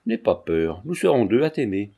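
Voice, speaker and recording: A man's voice: on the low side, big pitch swings, moderate pace, warm tone, breathy edge, full character voice. A man reading aloud, voicing a proud young male student speaking firmly.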